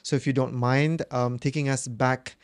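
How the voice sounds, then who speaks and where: A man hosting an interview, asking questions with slow, deliberate emphasis. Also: medium pitch, steady tone, clear, resonant tone, no room sound, studio quality. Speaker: host. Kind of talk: casual interview chat.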